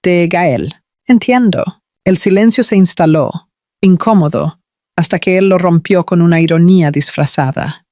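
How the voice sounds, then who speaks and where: A man narrating a scripted romance story in an even, measured way. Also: sits high, no room sound, studio quality.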